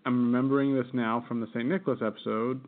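A man's voice: medium pitch, steady tone, quick pace. Casting: American guy, podcast co-host, rambling laughing storyteller, thin phone-line sound. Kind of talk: casual chat. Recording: tinny phone-like audio.

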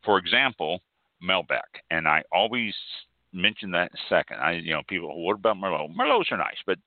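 Host guy, super deep voice, friendly chatty agreeing, tinny dry line. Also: sing-song, brisk, dry recording. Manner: agreeable, chatty, lots of backchannel affirmations. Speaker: show host. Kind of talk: casual interview chat.

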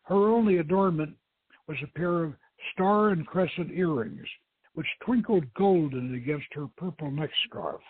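This man's voice is a little high and breathy, and he takes his time as he reads an adventure story aloud. He works as a dramatic narrator and host, and the audio comes through a tinny, band-limited radio stream with a roomy echo.

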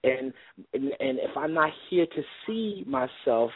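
A man's voice: a little high, big pitch swings, a little slow, gravelly, slightly rough, no room sound. A man in his thirties, a guest on a radio show, talking boastfully in profane street slang. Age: 30s. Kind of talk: casual radio talk. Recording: phone-line call-in audio.

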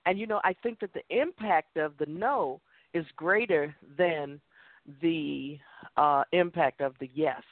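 A woman's voice: low voice, unhurried, no room sound, narrow, tinny audio. A woman co-hosting a casual women's chat show, talking in an emphatic, sassy way.

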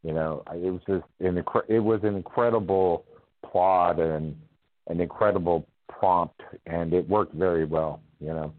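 A man's voice: low voice, steady tone, a little slow. A man calling into a radio show over a phone line, rambling and chatty and laughing often. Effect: call-in voice over a phone line.

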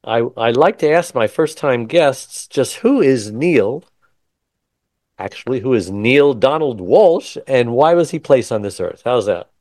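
An upbeat man hosts an interview podcast and drops quick asides between questions. His voice sits in the middle range and sounds close and dry, with no room around it. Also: mid-range voice, lively intonation, a little mellow, dry recording. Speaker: podcast host. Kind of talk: interview hosting.

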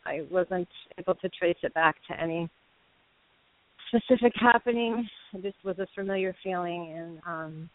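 A woman calling into a radio show over the phone, speaking haltingly with many pauses and fillers. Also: on the low side, no room sound. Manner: halting, with many ums and sighs. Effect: caller heard over a phone line on a radio show. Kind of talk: casual call-in sharing. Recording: tinny dry phone line.

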